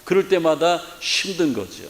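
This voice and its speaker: Korean pastor preaching in a reverberant hall. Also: male voice, fairly high pitch, lively intonation, normal speed. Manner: earnest preaching with rhetorical questions and fillers. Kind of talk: sermon. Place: church sanctuary. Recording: long church hall reverb.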